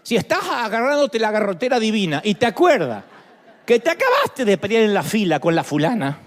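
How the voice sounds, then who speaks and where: A man in his fifties with an Argentine accent, preaching a sermon in a lively, joking way. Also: high voice, a little fast. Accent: Argentine Spanish. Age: 50s. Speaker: pastor.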